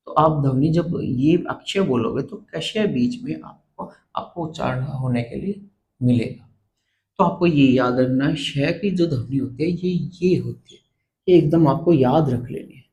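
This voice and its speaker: A man teaches a grammar lesson at the blackboard in a mid-pitched voice. He talks slowly and deliberately. He repeats each key word and asks the viewer to say it back. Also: a little mellow, rough recording. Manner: slow, repeats terms and quizzes the viewer. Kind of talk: blackboard lesson explaining letters.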